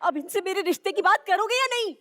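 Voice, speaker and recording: A woman's voice: very high-pitched, animated, quick pace, very noisy. A woman playing a pushy young sister-in-law in a stage comedy sketch, pleading and bossy by turns. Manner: pleading, bossy and sharp-tongued. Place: TV studio stage with live audience.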